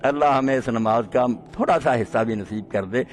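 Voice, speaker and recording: A man preaching a sermon, impassioned and swinging between quiet and loud delivery. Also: mid-range voice, a little hiss or hum.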